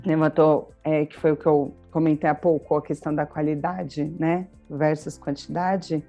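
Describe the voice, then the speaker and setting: A woman's voice: low-pitched, level tone, moderate pace, mellow, lo-fi sound, soft background music. A woman in her thirties with a Brazilian Portuguese accent, co-hosting a podcast in casual chat, explaining with everyday examples and frequent tag questions. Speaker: podcast co-host.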